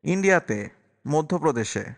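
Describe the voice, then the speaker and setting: A man's voice: a little high, big pitch swings, moderate pace, creaky, voice pushed up. A man voicing a timid little boy who gives short, shy answers. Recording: long reverberant echo.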